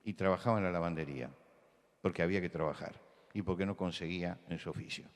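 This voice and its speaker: An older Argentine man with a Rioplatense accent preaches in a conversational, storytelling way that builds to emphatic points. His voice sits very low. The sound carries a long church-hall reverb. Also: fast. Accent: Rioplatense Spanish. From Buenos Aires, Argentina. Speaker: pastor. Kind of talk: sermon.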